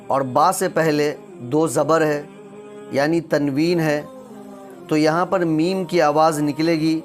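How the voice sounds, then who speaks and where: A man teaching Quran reading, spelling out letters and vowel marks one by one, with quick plain explanations of the rules. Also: fairly high pitch. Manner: recites verses slowly in a melodic chant.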